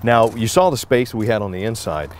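A man's voice: fairly low pitch, animated, a little fast, a little hiss or hum. A man in his forties giving an upbeat, jokey walkthrough tour of a travel trailer, recorded on a nearby camera inside and around the trailer. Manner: upbeat, jokey salesman patter. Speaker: RV reviewer.

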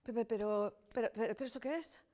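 A woman's voice: a little high, fairly even intonation, quick pace, darkish tone, lightly acted. An actress playing a nervous, honest cleaning woman who frets and exclaims in a stage comedy. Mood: flustered. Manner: fretful, exclaiming, easily flustered.

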